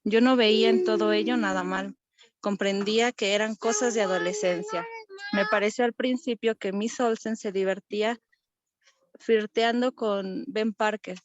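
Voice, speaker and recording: A woman's voice: mid-range voice, steady tone, moderate pace, dry recording. A woman student reads a passage of a story aloud in an online class. She reads steadily and carefully. The call audio is dull and dry.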